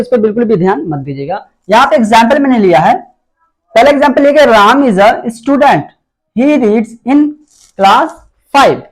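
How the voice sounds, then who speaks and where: A man's voice: very high voice, a little mellow. A man with an Indian accent giving a grammar lesson, asking the class questions and answering them himself while he repeats each key point. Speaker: teacher.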